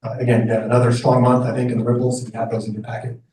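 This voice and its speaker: Man, staff representative, informal report, flat mellow voice, distant mic, roomy noisy sound. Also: mid-range voice, very fast. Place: indoor meeting room. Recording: echoey meeting room, distant mic, background noise.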